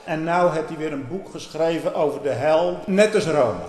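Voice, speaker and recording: A man preaching a fiery sermon, dropping to low murmurs and then bursting out loudly. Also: normal speed. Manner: fiery, swings from low murmurs to loud outbursts. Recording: echoey hall, reverberant.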